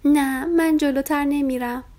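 A woman's voice: sits high, steady tone, mellow, voice pushed up, lightly acted. A woman voicing a timid little lamb. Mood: fearful. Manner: slow, small, childlike voice. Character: timid little male lamb, easily frightened.

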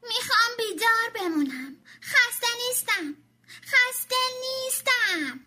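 A woman voicing a stubborn little boy donkey, shrill and whining, near tears. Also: sharp tone, a little hiss or hum, exaggerated voice.

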